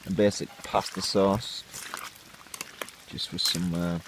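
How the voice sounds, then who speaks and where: A man's voice: deep voice, little pitch movement, takes it slowly. A man chatting casually and informally to camera as a camping vlogger, in an understated, rambling way. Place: outdoors in wet woodland. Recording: rain pattering, clear background noise.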